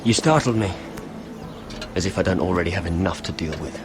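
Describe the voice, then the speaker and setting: A low-pitched man, talking fairly quickly in a voice close to his everyday one, voices a clumsy, meek nobleman in a fantasy video game. He sounds bashful and hesitant, apologetic and soft-hearted. Music plays behind the dialogue, along with some background noise.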